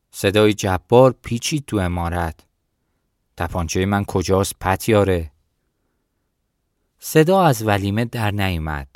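A man reading a novel aloud in the first person, in a steady storytelling manner. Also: lowish voice, no room sound, studio quality. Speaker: audiobook narrator.

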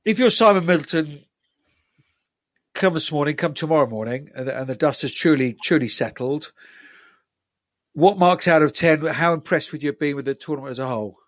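Male podcast host, slightly high voice, close dry sound, casual sports chat. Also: expressive, brisk, long pauses, no echo.

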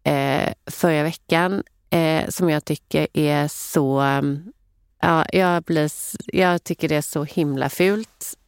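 A woman's voice: low voice, steady tone, smooth, no echo, studio quality. A woman co-hosting a casual podcast, earnestly explaining skincare with frequent fillers.

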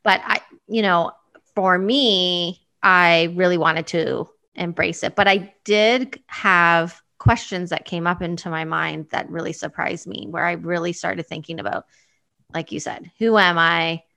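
A woman's voice: fairly low pitch, fairly even intonation, unhurried, vocal fry, pushed and bright. A woman in her fifties, answering interview questions thoughtfully and with some hesitation. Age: 50s. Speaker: guest.

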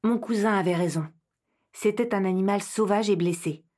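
A woman narrating a children's audio story in the first person, lively and expressive, with a slightly husky voice. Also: mid-range voice, normal speed.

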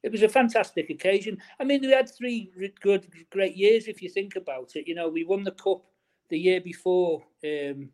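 A man's voice: high voice, moderate pace, a little mellow. A middle-aged man, a former footballer chatting in an interview, restarting his sentences often and filling with "you know". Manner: chatty, many restarts and fillers. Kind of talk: casual interview, reminiscing.

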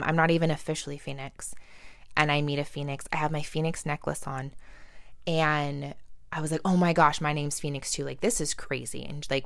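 A woman's voice: deep voice, dry recording, studio quality. A woman in her thirties hosting a podcast, casually recounting a solo trip, speaking chattily with lots of "like" and acting out what people said. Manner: chatty, says "like" often, acts out quotes. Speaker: podcast host. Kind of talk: casual storytelling monologue.

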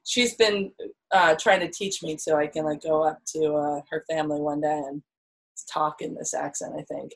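A woman's voice: sits low, fairly even intonation, normal speed, poor audio. A young woman guest in a casual interview, talking in a reflective, rambling way with many fillers.

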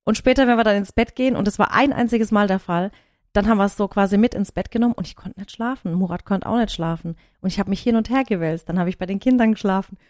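A woman in her thirties, a podcast co-host, chatting casually and telling long stories in an animated way. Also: medium pitch, fast, no room sound, clean studio sound. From Germany. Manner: animated storyteller, talks at length. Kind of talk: casual chat.

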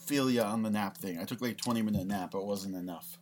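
A man's voice: fairly low pitch, fast, crowd noise. A young man co-hosting a podcast, bantering casually and joking between laughs. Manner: joking, rambling, laughs often. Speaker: podcast co-host.

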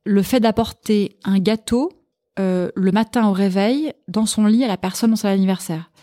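A woman's voice: mid-range voice, normal speed, no echo, studio quality. A middle-aged woman from Sweden, a podcast guest and cookbook author, chatting casually and with enthusiasm. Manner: enthusiastic, animated storytelling. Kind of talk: casual chat.

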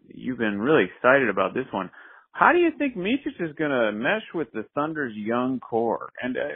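A man's voice: medium pitch, slightly rough, no echo. A man calling in and leaving a voicemail played over a phone line. He talks easily, with small stumbles and restarts. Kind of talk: casual recorded question. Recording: tinny dry phone voicemail.

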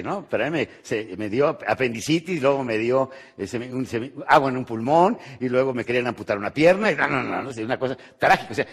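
A Mexican man giving a live motivational talk to an audience, joking and asking rhetorical questions, his voice jumping from loud bursts to quiet asides. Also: mid-range voice, breathy edge. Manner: jokey, rhetorical, checks in with "¿sí?". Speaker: motivational speaker. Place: conference hall with live audience.

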